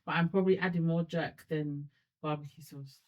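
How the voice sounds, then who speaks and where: A woman's voice: sits low, fairly even intonation, normal speed, a little mellow, highs cut off. A woman co-hosting a podcast in casual chat, blunt and emphatic with her opinions. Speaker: podcast co-host.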